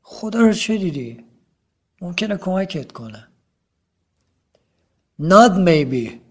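Male language teacher, slightly raised pitch, relaxed lesson delivery, drills phrases slowly then rushes through explanations. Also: slightly rough. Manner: repeats English phrases slowly and loudly, then explains softly and quickly; acts out little dialogues in different moods. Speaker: English teacher.

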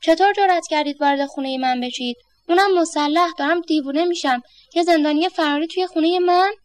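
A woman's voice: sits high, no room sound, close to an everyday voice. A woman voicing a flustered middle-aged man who wants peace at home, sarcastic and exasperated. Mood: outraged.

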